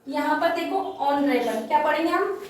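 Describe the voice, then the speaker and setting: Female teacher, high voice, patient quizzing delivery, distant echoey classroom sound. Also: moderate pace. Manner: patient, repeats and quizzes pupils. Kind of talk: classroom grammar lesson. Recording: echoey room from far off.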